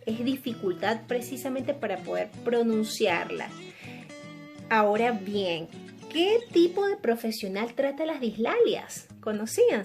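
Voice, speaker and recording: Patient woman explaining speech disorders. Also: on the high side. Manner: patient, addresses parents directly, asks "¿sí?" to check understanding. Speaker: speech therapist. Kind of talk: educational explainer.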